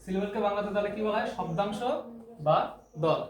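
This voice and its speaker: A man's voice: sits high, a little fast. A man teaching English grammar, explaining terms step by step, repeating key words and asking rhetorical questions. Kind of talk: classroom-style explanation. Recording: echoey room with faint noise.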